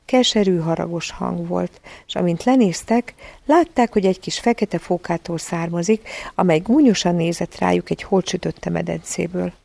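A woman narrating a children's storybook in a calm, even reading voice. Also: on the low side, creaky, dry recording. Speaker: audiobook narrator.

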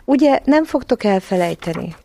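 A woman voicing a gentle magical girl in a storybook reading, speaking softly. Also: mid-range voice, expressive, voice pushed up, close to an everyday voice. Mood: tender. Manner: soft-spoken.

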